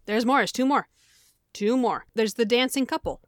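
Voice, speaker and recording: A woman's voice: a little high, normal speed, dry recording, clean studio sound. A woman co-hosting a casual podcast chat, who laughs often, swears freely and acts out the voices of people she quotes. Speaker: podcast co-host.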